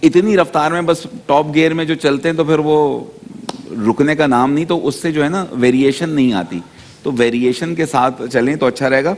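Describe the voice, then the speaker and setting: A man judging a children's speech contest, giving measured, fatherly advice with hesitant pauses. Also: a little high, long reverb tail. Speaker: competition judge.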